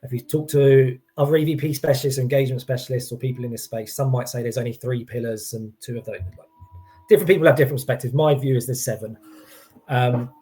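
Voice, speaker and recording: A man's voice: medium pitch, fairly even intonation, quick pace, mellow. A man giving an informal expert explanation, hesitant, often restarting and qualifying his points. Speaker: employee engagement consultant as guest.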